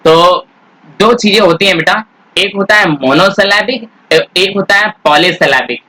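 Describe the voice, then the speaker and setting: A man teaching English grammar, speaking Hindi mixed with English words in an Indian accent. He asks questions and then answers them himself, and he draws out the English words slowly. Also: sits high, bright, forceful tone, rough recording. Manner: addresses students as "beta", asks and answers his own questions. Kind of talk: classroom grammar lesson.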